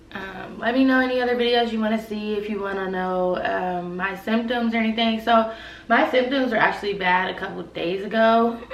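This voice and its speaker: Her mid-range voice has vocal fry and a slightly bright quality, with a little hiss or hum on the recording. She's a young adult vlogger with a stuffy nose from a cold-like illness, talking casually to camera and rambling, packing in "like" and "y'all." The echoey room and her distance from the mic are noticeable.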